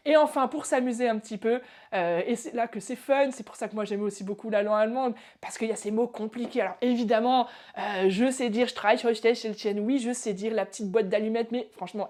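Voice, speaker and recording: A woman teaching a video lesson, explaining pronunciation in a lively way, speaking straight to the viewer and slowing down to model example words. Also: on the high side. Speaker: German language teacher.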